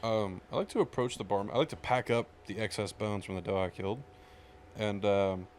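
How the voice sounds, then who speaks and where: A man's voice: on the low side, a little fast, darkish tone, a little hiss or hum. A man playing a tabletop role-playing game, chatting casually about what his character does.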